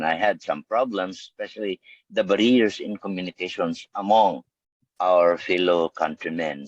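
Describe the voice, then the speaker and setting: A man's voice: low voice, dry recording, muffled recording. A man with a Filipino accent introducing himself as a participant in an online class. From Philippines. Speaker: course participant. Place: online video call.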